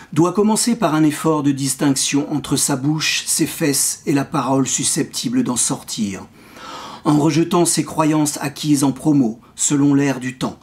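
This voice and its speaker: A man with a somewhat high voice reads his own poem aloud. His delivery is measured and rhythmic, lingering on the wordplay. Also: darkish tone. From France. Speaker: poet. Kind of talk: poetry reading.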